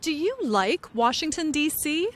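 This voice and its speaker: A woman playing a cheerful news reporter who interviews tourists outdoors, speaking clearly and slowly for an English lesson. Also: sits high, expressive. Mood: upbeat. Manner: clear, upbeat, slow teaching delivery. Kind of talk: scripted English lesson dialogue. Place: outdoors in a city. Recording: music bed under the voice.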